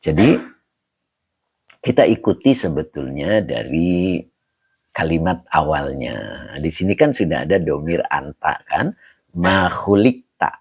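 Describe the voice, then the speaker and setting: Guy teaching a grammar class online, low husky voice, slow and chuckly, dry close sound. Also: no room sound. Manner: relaxed, chuckles often, slow drawn-out Arabic words. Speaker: teacher of Arabic grammar in a religious study session. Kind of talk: online livestream lesson, reading comments.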